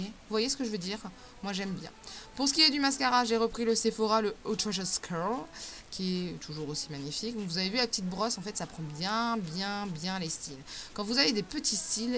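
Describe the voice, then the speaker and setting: A woman's voice: mid-range voice, a bit bright, a little hiss or hum. A woman beauty vlogger talking through a makeup tutorial in a casual, chatty way, with many fillers and self-corrections.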